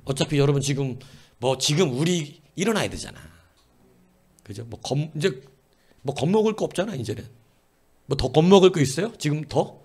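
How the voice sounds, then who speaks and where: Male pastor, middle-aged, husky voice, animated sermon delivery with wide pitch swings. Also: moderate pace, long pauses. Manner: animated, talks with congregation, shifts loud and hushed. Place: church sanctuary.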